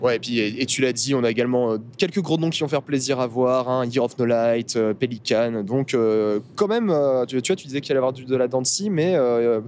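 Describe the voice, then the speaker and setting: A man's voice: medium pitch, brisk, hardly any pauses, darkish tone, slight background noise. A French man chatting casually in a car, hesitant and full of fillers. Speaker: podcast co-host. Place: inside a car on a highway.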